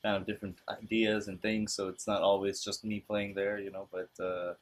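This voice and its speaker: Chill young guy, low-ish voice, lots of you knows. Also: flat delivery, moderate pace. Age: young adult. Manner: easygoing with "you know" fillers. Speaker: musician. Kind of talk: casual interview.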